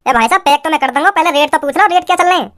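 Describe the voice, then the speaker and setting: A nervous village fruit seller, as a woman plays him, with a folksy turn of speech. He pleads quickly in a very high voice. This is a comedy skit role. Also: animated, fairly bright tone.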